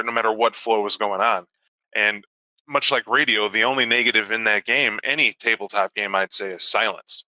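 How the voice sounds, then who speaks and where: A man chatting as a guest on a casual podcast, animated and laughing mid-sentence. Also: on the low side, no echo, low-quality recording.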